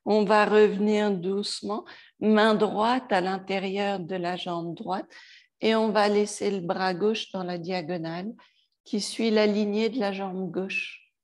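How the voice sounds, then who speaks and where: A woman guiding a yoga class, giving slow, calm cues and softly counting breaths. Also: mid-range voice. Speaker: yoga teacher. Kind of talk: guided yoga class instruction.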